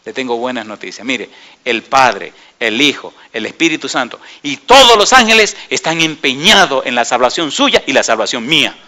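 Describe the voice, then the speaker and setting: Preaching with emphasis, a man keeps putting questions to the congregation, moving from quiet murmurs to raised outbursts. He speaks at a medium pitch, very animated and fairly quick, with few pauses.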